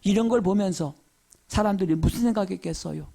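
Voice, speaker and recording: A pastor preaches in a very high, gravelly voice, telling stories with lively energy. He keeps drawing in his listeners with rhetorical questions. His gravelly edge stays through every phrase. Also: brisk. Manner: animated storytelling, rhetorical questions. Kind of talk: sermon.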